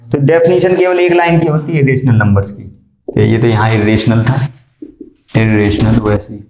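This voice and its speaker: A man's voice: medium pitch, darkish tone, lo-fi sound, a little hiss or hum. Echoey male math teacher quizzing a class. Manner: quizzes students, repeats statements slowly, calls them "beta". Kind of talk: classroom lecture. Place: classroom with students.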